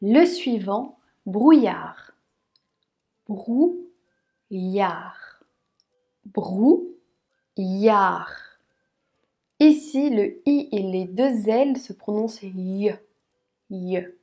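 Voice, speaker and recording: Slow, careful French pronunciation teacher, female. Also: medium pitch, expressive, warm tone. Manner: repeats words slowly, syllable by syllable.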